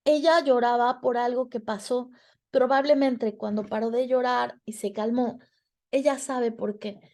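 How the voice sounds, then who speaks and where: A woman's voice: fairly high pitch, fairly even intonation, unhurried, darkish tone. A woman with a Mexican Spanish accent giving a reflective talk to students about emotions, speaking expressively and acting out quoted dialogue.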